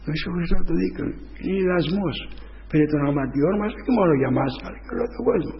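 A man giving a rambling, fervent spoken testimony to a church congregation, full of restarts. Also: fairly high pitch. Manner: rambling storytelling with many restarts, preaching fervently. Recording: dull sound with long hall reverb.

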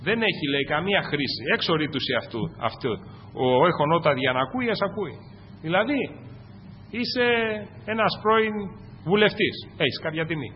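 Man preaching, fervent sermon, higher-pitched voice, long hall reverb, faint hum. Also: sing-song. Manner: fervent, swings between loud peaks and low asides. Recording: muffled, echoing church recording.

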